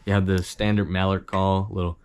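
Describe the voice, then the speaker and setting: A man giving an informal instructional talk as an amateur hunter, modest and halting in how he explains things. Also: sits low, level tone, smooth. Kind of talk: casual instructional talk with demonstrations.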